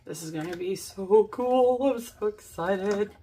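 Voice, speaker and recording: A middle-aged woman hosting a casual DIY crafting vlog from a home craft room, gushing and excited as she talks to her viewers. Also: mid-range voice, measured pace, slight background noise. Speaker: crafting channel host.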